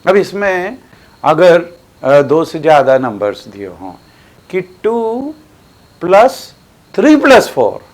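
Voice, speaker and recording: A man's voice: fairly high pitch, very animated, slow, long pauses. An older man with an Indian accent teaching a classroom maths lesson, explaining patiently with emphatic stresses.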